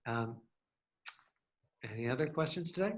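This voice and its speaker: In an online class, a male acting teacher with a medium-pitched voice talks at a normal pace with lively intonation. His style is casual and exploratory: he thinks out loud, circles his points, and hedges a lot.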